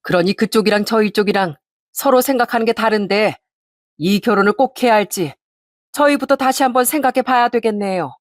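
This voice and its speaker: A woman's voice: mid-range voice, no room sound, close to an everyday voice. The groom's mother, a dignified farming woman, answers firmly and evenly, voiced by a woman. Her voice stays close to the narrator's own in a dry, close recording. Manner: firm, measured retorts.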